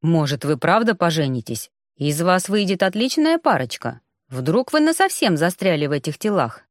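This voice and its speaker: A woman's voice: fairly low pitch, sing-song, normal speed, no room sound, clean studio sound, voice pushed down. A woman reading an audiobook, voicing a teasing, gleeful male dragon spirit.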